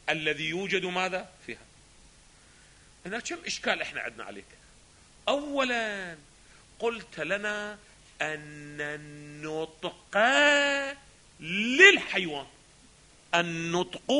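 Guy teaching a text, bright voice, pitch all over the place, keeps asking himself questions. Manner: asks rhetorical questions and answers them himself. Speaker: religious scholar teaching a text. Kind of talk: classroom lecture on a philosophy text.

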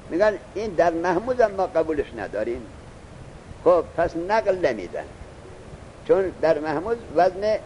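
A man teaching a lesson. He reads the text slowly, explains it, and keeps asking his student questions. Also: on the high side, mellow, highs cut off, slight background noise. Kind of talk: classroom lesson.

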